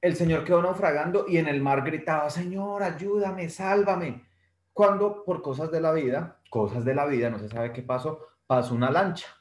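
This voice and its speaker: A man's voice: a little high, a little fast, few pauses. A man, co-hosting a casual podcast conversation and telling anecdotes in a storytelling manner. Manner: storytelling, acts out quoted voices with lively shifts. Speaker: podcast co-host. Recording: roomy echo.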